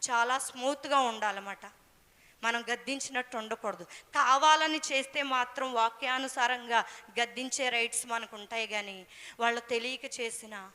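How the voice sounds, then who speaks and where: A woman's voice: fairly high pitch, moderate pace, bright, forceful tone, big-room sound. A woman preaching a sermon, telling a story in an earnest, emphatic way.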